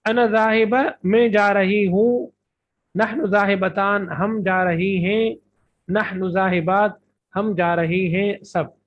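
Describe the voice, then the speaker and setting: A man's voice: high voice, steady tone, slow. A man with an Urdu accent teaching Arabic grammar, methodically drilling word lists with translations. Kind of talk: recorded classroom lecture. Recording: tinny phone-like lo-fi audio.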